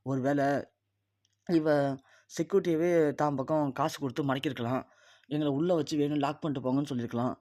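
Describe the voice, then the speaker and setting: A man voicing a scheming woman who keeps accusing her younger brother's wife, read in his own mellow voice. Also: a little high, fairly even intonation, brisk, pauses often, dry recording, close to an everyday voice. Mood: insistent. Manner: insistent, accusing.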